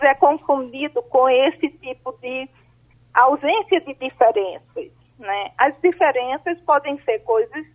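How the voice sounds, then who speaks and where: A psychologist, answering questions over a mobile phone line that keeps cutting out, speaking in a measured, explanatory way with frequent tag questions. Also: female voice, sits high. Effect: breaking-up mobile phone line. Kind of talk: radio phone-in interview answer. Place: outdoors in a country town, seeking signal. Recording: tinny cell phone line.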